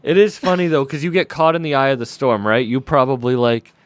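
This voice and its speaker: A man's voice: mid-range voice, fairly quick, clean tone, no room sound. A man in his twenties hosting a podcast, talking in a laid-back, rambling way full of "like". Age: 20s. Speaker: podcast host. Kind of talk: casual podcast conversation.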